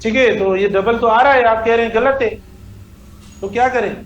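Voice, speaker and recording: A man's voice: very high-pitched, steady tone, moderate pace, reverberant, lo-fi sound. A man teaching English grammar in a classroom lecture, drawing out example sentences word by word and calling students "beta". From Pakistan.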